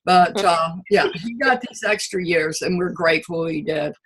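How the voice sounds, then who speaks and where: A woman's voice: on the low side, moderate pace, fairly bright tone, slightly rough, rough recording. A woman coaching a weight-loss group, chatting casually over a video call and wandering through her stories with restarts.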